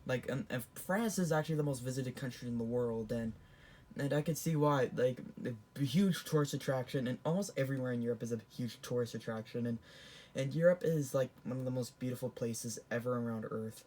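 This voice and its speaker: A Canadian teenage boy vlogs casual tier-list commentary, rambling with lots of false starts, restarts and self-corrections. His voice is mid-range with a darkish tone, and he talks a little fast.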